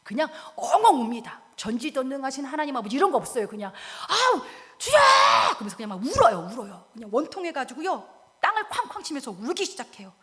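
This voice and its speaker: A woman pastor preaching a sermon, dramatic, dropping to hushed whispers and rising to loud cries while she asks the congregation direct questions. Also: sits high, big pitch swings, quick pace. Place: church sanctuary. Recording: long reverb of a church hall.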